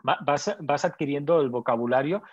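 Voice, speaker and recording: A man's voice: a little high, fairly quick, breathy edge, no room sound, highs cut off. A man from Spain with a Spanish accent, a TV weather presenter in his thirties, answering interview questions casually with many restarts and fillers.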